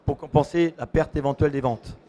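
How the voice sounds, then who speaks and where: Hoarse man speaking on a panel. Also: fairly high pitch, fairly even intonation, mellow. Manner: quick explanatory, many fillers. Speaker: panelist, consultant. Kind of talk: panel discussion.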